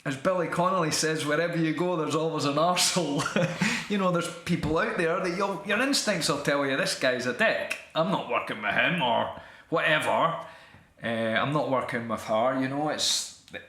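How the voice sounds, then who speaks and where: A man's voice: a little high, normal speed, hardly any pauses, sharp tone, reverberant. A middle-aged Scottish man, an actor and writer, talking reflectively as an interview guest with many restarts and fillers. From Scotland.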